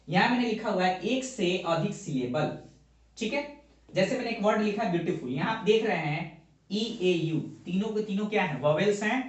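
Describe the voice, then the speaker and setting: A man's voice: high-pitched, fairly bright tone, recorded from a distance. A male teacher explaining a grammar lesson at a board, going step by step and often checking that students follow. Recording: very echoey room, voice from off-mic.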